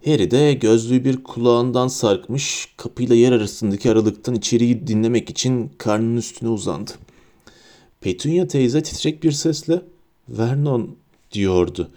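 Male audiobook narrator, mellow, dark tone, steady expressive reading. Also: mid-range voice, normal speed.

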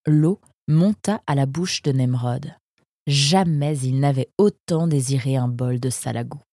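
A woman reading a storybook narration in a calm, measured way. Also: extremely low pitch, no room sound, studio quality. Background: soft guitar music.

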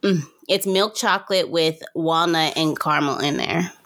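A young woman chatting casually as co-host, her voice bright and clear. She tells a story with animated energy, now and then leaping into high squeals. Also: normal speed. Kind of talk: casual chat.

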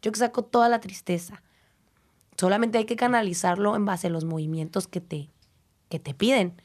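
Her voice sits at a medium pitch and moves at a normal speed as this young dancer and teacher with a Mexican accent reflects in a relaxed interview. She's lively and brings quoted remarks to life by acting them out.

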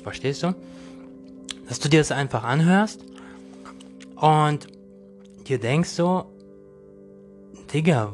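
A man podcasting a jokey, rambling monologue straight at the listener, full of slang and tag questions, laughing between lines. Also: mid-range voice. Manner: addresses listener directly, constant tag questions.

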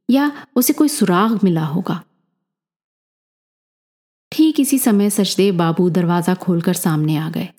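A woman narrating a dramatic story in a measured, expressive way. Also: lowish voice.

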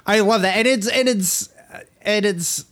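Man, somewhat high voice, podcast co-host, rambly, laughs a lot. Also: a little slow, a bit bright. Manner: laughing easily, rambling with fillers. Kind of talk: casual music review chat.

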